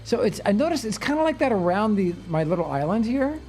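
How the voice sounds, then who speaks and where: A man's voice: sits high, big pitch swings, a little fast, a little mellow, soft background music. A man hosting a game livestream, chatting eagerly and trailing off with fillers as he sails around. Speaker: streamer host. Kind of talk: casual livestream chat.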